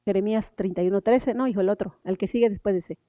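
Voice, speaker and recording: An older woman preaching a sermon, rising on key words and dropping into soft asides, reading scripture slowly. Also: medium pitch, no echo, phone-quality sound. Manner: reads scripture slowly and deliberately. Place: church sanctuary.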